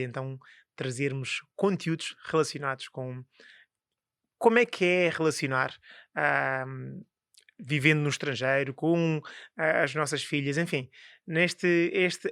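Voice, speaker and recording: A man's voice: fairly high pitch, bright, forceful tone, no room sound, studio quality. A man co-hosting a podcast, teasing his partner with many fillers and playful storytelling. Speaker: podcast co-host. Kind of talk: casual chat.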